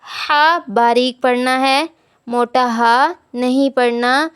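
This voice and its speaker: A woman teaching Quran recitation with tajweed, drawing out each recited phrase slowly, then patiently explaining the pronunciation. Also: high voice, steady tone, a bit bright, smooth, no echo, clean studio sound. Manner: slow drawn-out recitation, then brisk explanation.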